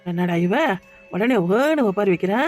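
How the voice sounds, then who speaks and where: A woman's voice: medium pitch, lively intonation, normal speed, darkish tone, faint music behind. A woman with a southern Tamil accent, making mocking, sarcastic comments on a cartoon scene. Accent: southern Tamil Nadu. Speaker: comic commentator.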